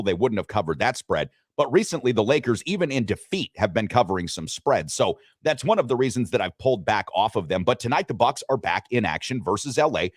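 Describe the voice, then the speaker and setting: A man hosting a sports talk show, talking betting lines with animated delivery and frequent restarts. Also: lowish voice, no echo, studio quality. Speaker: sports radio host.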